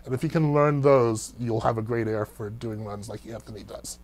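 A man's voice: mid-range voice, normal speed. Man vocal coach explaining techniques. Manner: explanatory, demonstrates vocal techniques with sounds and laughs. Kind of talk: reaction video commentary.

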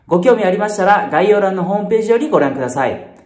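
A woman delivers a brisk, polite scripted outro for a lesson channel. Her pitch moves lively up and down. The room around her echoes noticeably. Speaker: channel host. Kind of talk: scripted closing announcement.

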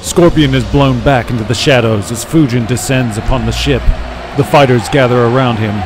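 Male narrator, mid-pitched, scripted dramatic storytelling with prominent music underneath. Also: moderate pace. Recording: music behind the voice.

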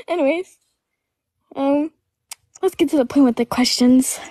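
A woman's voice: sits high, mellow. A woman joining a live stream by phone, teasing the host with playful questions in a giggly, mock-dramatic way. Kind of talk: casual teasing chat.

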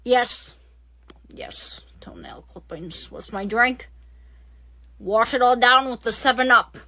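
A woman's voice: fairly high pitch, lively intonation, bright, forceful tone, a little hiss or hum, heavily acted. A woman voicing a cranky, stubborn elderly woman in a nursing home, whining and drawling in a comedy skit. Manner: cranky, whiny, slow drawl.

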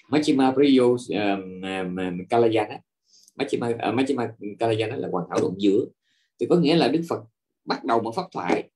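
Male monk teacher, dharma lecture, pitch swings widely, asks the class rhetorical questions, stalls on repeated fillers. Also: a little mellow. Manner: repeats filler words while searching.

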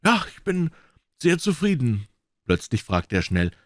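Male narrator as jittery abrupt young doctor, raised pitch, lively. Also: measured pace, no echo, studio quality. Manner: excitable, abrupt outbursts.

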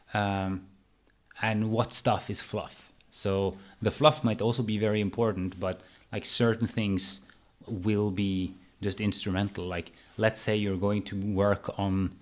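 Brief: deep male podcast co-host, handstand coach, hesitant and searching for words. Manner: hesitant, restarts often while thinking aloud. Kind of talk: casual podcast conversation.

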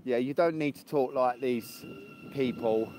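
A man's voice: medium pitch, unhurried, a little mellow, low-quality recording. Casual English host in his fifties with a north-of-London accent, chatting on a phone outdoors with faint noise behind. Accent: English, from just north of London. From England. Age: 50s. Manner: chatty, joking, rambling. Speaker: live stream host. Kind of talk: casual live chat with viewers. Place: outdoors, walking in the cold.

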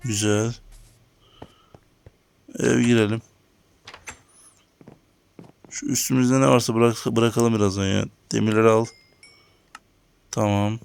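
In a laid-back let's-play, a gaming host talks to his viewers as he plays and grumbles about lag. His voice sits on the low side with little pitch movement, slow and smooth, a little mellow, with vocal fry and frequent pauses.

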